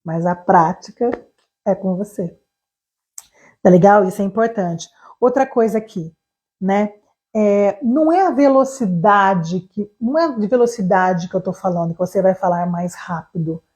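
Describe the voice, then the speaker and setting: A Brazilian woman teaching English online, fast, animated and emphatic, speaking straight to her viewers. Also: mid-range voice. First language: Portuguese.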